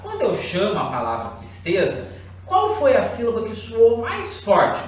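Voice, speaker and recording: Lively woman teacher, roomy and distant. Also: on the high side. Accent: Brazilian Portuguese. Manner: lively, drawn-out classroom explaining. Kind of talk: recorded online lesson for schoolchildren. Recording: roomy echo, far from the mic.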